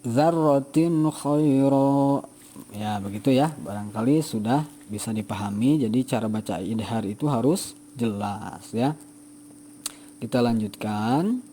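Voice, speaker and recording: A male teacher giving a patient tajwid lesson to students, repeating each example slowly. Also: on the low side, warm tone, a little hiss or hum.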